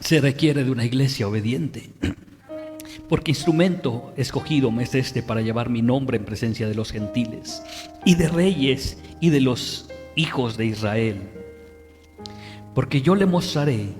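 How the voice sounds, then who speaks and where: A man with a Mexican Spanish accent preaching a sermon as pastor, leading the congregation in call-and-response and building to loud exhortation. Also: mid-range voice, expressive, a little slow, long reverb tail, music in the background. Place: church sanctuary.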